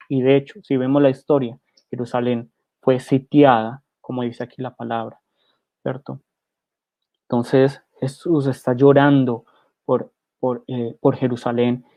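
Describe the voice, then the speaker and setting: A man's voice: medium pitch, muffled recording. A man preaching a sermon, explaining scripture and often asking his listeners a rhetorical question. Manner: rhetorical, keeps asking "¿cierto?"; reads scripture aloud between explanations.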